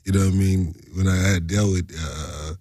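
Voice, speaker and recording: A man's voice: low voice, fairly even intonation, normal speed, mellow, no room sound. A man hosting a casual studio interview, repeating himself and punctuating his talk with slangy check-in phrases. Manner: repetitive, punctuated with "you know what I'm saying". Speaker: interview host. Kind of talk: casual radio interview chat.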